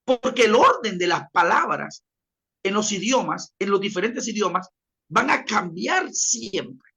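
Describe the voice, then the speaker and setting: A man's voice: sits high, lively intonation, unhurried, vocal fry, bright, forceful tone. A man teaching a class, explaining by repeating his examples and speaking straight to his listeners. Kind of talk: classroom lecture.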